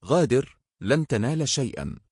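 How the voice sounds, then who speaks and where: A man's voice: medium pitch, sing-song, normal speed, a little mellow, husky, dry recording, clean studio sound, pitched above the performer's own voice. A man doing a menacing whispering spirit. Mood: ominous. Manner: ominous, commanding.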